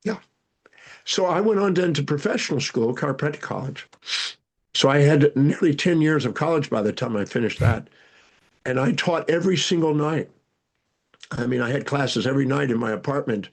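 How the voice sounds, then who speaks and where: An older man, a guest speaker and educator, telling animated stories from his life in an interview, with frequent restarts. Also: a little high, normal speed. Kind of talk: storytelling interview answers.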